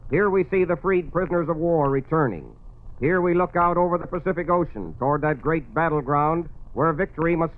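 Male commentator from an old 1940s radio broadcast, slightly high voice, narrow tinny sound, solemn and measured. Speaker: news commentator.

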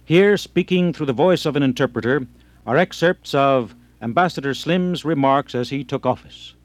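A man's voice: medium pitch, normal speed. A man anchoring a radio news programme, narrating scripted background in an orderly, explanatory way.

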